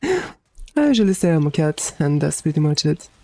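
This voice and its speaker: A game streamer with a Romanian accent and an androgynous-sounding voice chats casually with viewers, relaxed, swearing freely and using plenty of fillers. The mid-range voice moves at a moderate pace, recorded dry.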